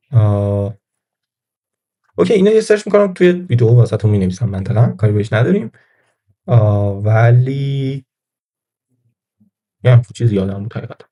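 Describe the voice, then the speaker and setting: A Linux course instructor talks through a casual screen-recorded tutorial, thinking aloud and correcting himself along the way. His voice sits in the mid range, and the audio sounds dull.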